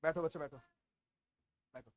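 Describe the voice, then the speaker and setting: A man from India with an Indian accent teaching a class, drilling students loudly and repeating questions for them to answer back. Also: a little high, steady tone, moderate pace. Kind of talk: classroom lecture with call-and-response drilling.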